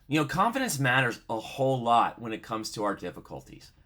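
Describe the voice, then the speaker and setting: A man's voice: medium pitch, sing-song, brisk, a bit bright. A man teaching a video bible study lesson in a conversational way, telling stories with lots of fillers. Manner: conversational, many fillers, storytelling asides.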